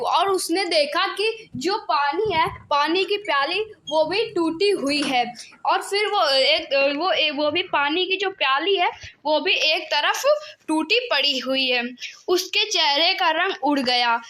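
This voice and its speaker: A woman's voice: sits high, bright, forceful tone. A woman teacher explaining a school story lesson, retelling it hesitantly with frequent restarts.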